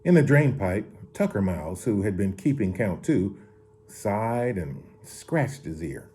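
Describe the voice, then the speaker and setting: Warm, expressive man reading a children's story. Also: fairly low pitch, a little slow. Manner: expressive reading with occasional restarts. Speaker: story reader. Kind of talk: children's story read-aloud.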